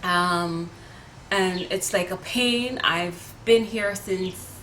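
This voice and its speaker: Talking extremely slowly in a fairly low-pitched voice, a vlogger with a Jamaican accent tells a personal story to camera outdoors near her neighbors. She's chatty and animated, full of fillers and restarts, with slight background noise.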